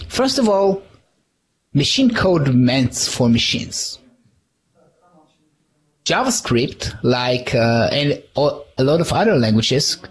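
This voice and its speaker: A man gives a live conference talk at a middle pitch. He speaks in a loose, conversational way, often repeating and restarting words and checking in with the audience. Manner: conversational, with frequent "all right?" check-ins.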